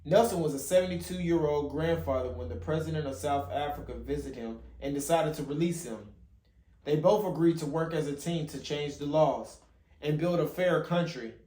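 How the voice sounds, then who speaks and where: A father who hosts a children's read-along channel reads a picture book aloud, sometimes stumbling and going back over a phrase. His voice is warm and on the high side, at a moderate pace. The home recording sounds roomy and echoey.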